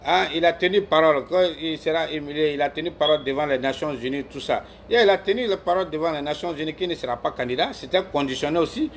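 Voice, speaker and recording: Man, fairly high voice, argumentative, casual political talk, faint background noise. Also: fast, hardly any pauses. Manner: argumentative, repeats his points. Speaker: political commentator.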